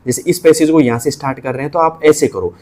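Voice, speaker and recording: Rajasthani guy explaining typing, casual, goes over stuff again and again, voice a bit high. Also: mellow. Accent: Rajasthani Hindi. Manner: repeats points, spells letters out slowly. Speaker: typing tutor. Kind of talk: casual teaching.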